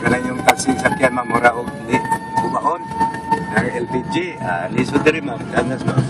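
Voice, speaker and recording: A man talks politely with passengers while he drives a taxi. He sounds distant from the mic. Loud radio music fills the car. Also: mid-range voice, brisk. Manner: polite, addresses passengers respectfully. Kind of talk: casual chat. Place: driving a taxi up a mountain road at night.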